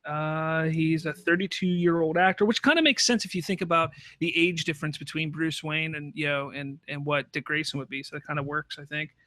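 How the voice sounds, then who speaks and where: A man hosting a podcast, chatting casually about film news in a halting way with repeated restarts. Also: a little high, steady tone, sharp tone, no room sound. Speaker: podcast host.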